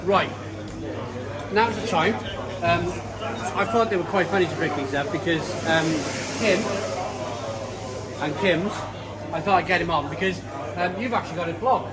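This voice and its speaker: Higher-voiced chatty man over loud crowd noise. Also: moderate pace, long pauses, rough recording. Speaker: host of a snack review video. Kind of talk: casual chat. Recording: busy public space, loud background chatter.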